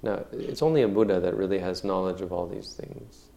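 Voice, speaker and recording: A man teaching meditation, answering questions in a calm, measured way, often saying "you know". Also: low voice, gravelly. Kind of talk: answering questions in a dharma talk.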